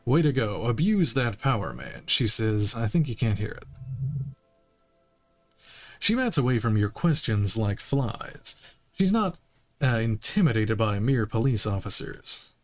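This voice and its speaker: A man's voice: mid-range voice, very animated, a little slow, faint music behind. A man streaming a game playthrough, reading the dialogue aloud in a playful, laughing, mock-indignant way.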